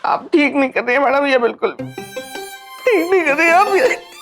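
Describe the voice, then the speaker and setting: A man's voice: very high-pitched, animated, moderate pace, a bit bright, soft background music, full character voice. An actor playing a timid, desperate male employee in a sitcom, pleading and stammering. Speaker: office employee. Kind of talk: sitcom acting.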